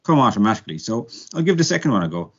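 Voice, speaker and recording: A man's voice: mid-range voice, sing-song, rapid-fire, husky, highs cut off. Chatty Irish man co-hosting. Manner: chatty, with frequent ums and restarts. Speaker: podcast co-host. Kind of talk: casual chat.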